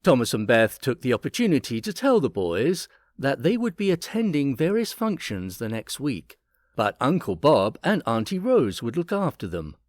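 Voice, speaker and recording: Guy reading a kids' story out loud, lively pitch, dry close mic. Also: moderate pace, no echo. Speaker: narrator. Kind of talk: storybook read-aloud.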